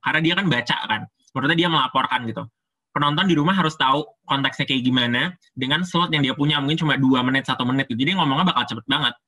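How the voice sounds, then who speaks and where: A man's voice: mid-range voice, bright, forceful tone. A man, a public speaking coach giving a casual, chatty lesson step by step. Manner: chatty, explains step by step with frequent fillers.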